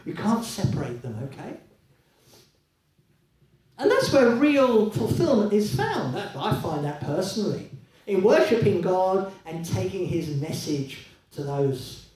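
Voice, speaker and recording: Man preaching, animated, in an echoey hall. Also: high-pitched, distant mic. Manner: animated, conversational preaching with rhetorical questions. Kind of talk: sermon. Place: church hall.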